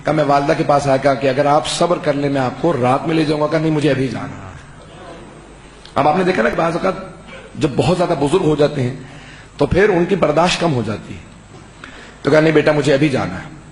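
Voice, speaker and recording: A man delivering an impassioned sermon to a gathering, telling a story with drawn-out, emphatic phrases. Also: a little high. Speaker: Shia majlis orator. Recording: echoey hall with faint noise.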